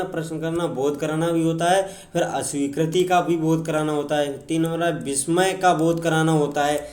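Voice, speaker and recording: A man's voice: a little high, darkish tone, echoey room. A man teaching an exam-prep grammar lecture, explaining with examples, repeating points and often checking in with his students.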